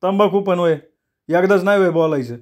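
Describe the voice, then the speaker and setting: An irritable middle-aged shopkeeper who snaps and mutters, his voice pitched well above the reader's own, as a male storyteller puts him on. He sounds annoyed and put-upon, gives way grudgingly and keeps complaining. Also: slow pace, darkish tone, muffled recording. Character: grumbling middle-aged male paan-shop keeper.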